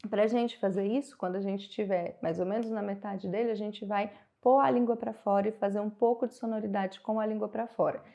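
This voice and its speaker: A woman giving a singing lesson, calmly explaining and guiding vocal exercises. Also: medium pitch, a little fast, gravelly, hardly any pauses. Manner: calm, guiding, explains then demonstrates. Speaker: singing teacher.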